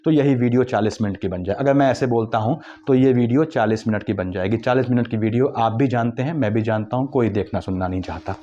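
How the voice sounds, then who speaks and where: A man giving a quick, lecturing astrology forecast, weaving English terms into his explanations. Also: medium pitch, mellow, muffled recording, a little hiss or hum. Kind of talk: monthly horoscope talk.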